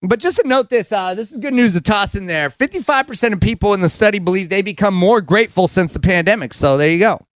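A man hosting a radio show, chatty and laughing often as he acts out quick mock voices. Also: high-pitched, expressive, no echo. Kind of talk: casual radio chat.

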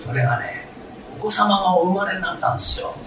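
Brash young dad, played by a male storyteller, high and bouncy, echoey distant hall. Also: animated, fast. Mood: eager. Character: eager, rough-spoken young father, a common tenement man. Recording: roomy, noisy recital hall from afar.

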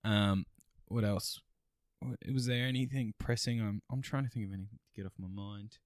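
A man with an Australian accent and a lowish voice, recorded close and dry. He chats casually as a comedy podcast co-host, loose and sweary, with laughs scattered through his talk. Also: moderate pace, dry recording. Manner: laid-back, sweary, laughs often.

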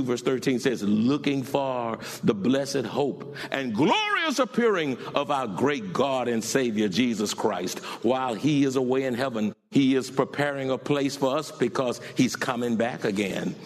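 A man preaching a sermon, building from calm teaching to loud shouting and chanting. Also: mid-range voice, moderate pace, hardly any pauses, in a large hall.

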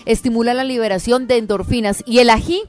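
A woman with a Colombian accent co-hosting a casual radio show, explaining health tips in a lively, quick way. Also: a little high, soft background music.

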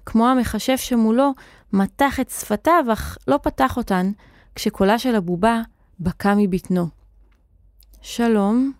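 A woman narrating a children's story in a clear, expressive reading voice. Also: mid-range voice, no room sound, studio quality.

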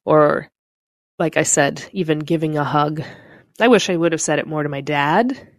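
A middle-aged woman with a lowish voice hosts a motivational podcast solo. She talks in a heartfelt, reflective way, pausing on fillers. The recording is close and dry. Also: no room sound. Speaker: podcast host. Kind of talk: casual motivational monologue.

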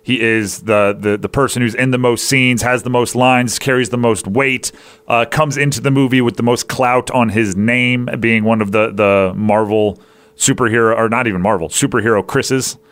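A man's voice: mid-range voice, fairly even intonation, normal speed, a bit bright. Chatty man hosting a movie podcast. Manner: talkative, rambling with restarts and fillers. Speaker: podcast host. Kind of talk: casual movie review chat.

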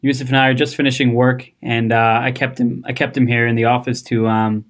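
A man's voice: mid-range voice, level tone, a little fast. A man from Canada hosting a podcast interview in an office, upbeat and joking, laughing often. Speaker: podcast host. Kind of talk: casual interview chat.

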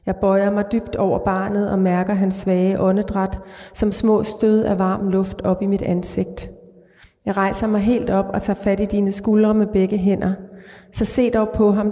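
A middle-aged woman author reading her fiction aloud and answering questions, measured and calm. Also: mid-range voice. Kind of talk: literary reading and interview answers. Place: large church. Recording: reverberant church hall.

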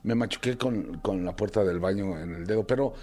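A man with a Mexican Spanish accent, chatting as a talk show guest, animated, imitating his kids and telling silly jokes. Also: low-pitched, brisk. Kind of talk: casual chat.

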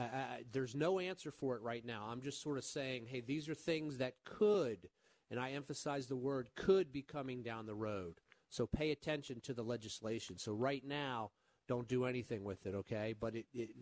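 A man's voice: medium pitch, normal speed, a little mellow, no room sound. Earnest man hosting a call-in advice show. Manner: earnest, repeats words when starting sentences. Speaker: radio show host, financial advisor.

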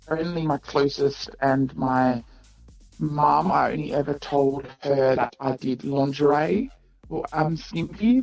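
A woman whose voice is electronically disguised to sound deep, with a gravelly, crackling grain. She talks slowly and hesitantly, with many ums and pauses, as an anonymous caller. Soft music plays faintly behind her. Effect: disguised voice, electronically lowered to sound deep. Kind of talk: radio call-in chat.

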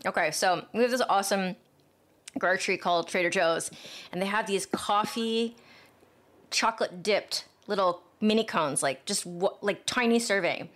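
A woman's voice: medium pitch, normal speed, a bit bright. An American woman hosting a podcast in a casual, chatty, slangy way. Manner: informal, slangy, addresses listeners as friends. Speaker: podcast host.

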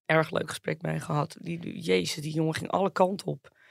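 An outspoken, excitable woman chatting as a radio reporter in the studio. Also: sits low, fairly quick, vocal fry, dry recording. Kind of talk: casual radio chat.

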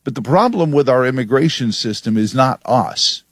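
Brief: male radio host, mid-pitched, emphatic and sardonic, dry close studio sound. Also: expressive, normal speed, no echo. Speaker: radio talk show host. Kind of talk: talk radio monologue.

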